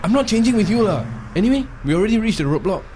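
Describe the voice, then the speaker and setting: A man's voice: sits high, expressive, racing, darkish tone, a little hiss or hum. A man with a Singlish accent from Singapore playing an exasperated, sceptical passenger friend in a comedy sketch. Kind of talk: comedy podcast sketch acting.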